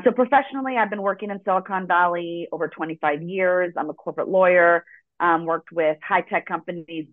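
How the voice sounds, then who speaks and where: A woman's voice: fairly low pitch, no room sound. A middle-aged American-born woman, a guest telling her story in an earnest, reflective way. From United States. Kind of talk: conversational interview. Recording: dry, tinny phone line.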